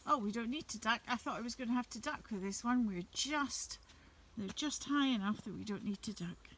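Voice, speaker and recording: A woman chatting gently to her viewers while walking her dogs outdoors through woods by a river. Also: a little high, brisk, slight background noise. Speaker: vlogger. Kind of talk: casual walking vlog narration.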